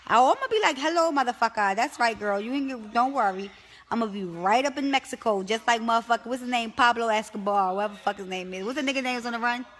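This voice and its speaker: A woman's voice: a little high, quick pace, a bit bright. Teasing Baltimore woman livestreaming from bed. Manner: teasing, profane, addresses viewers. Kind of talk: casual livestream chat. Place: bedroom, in bed.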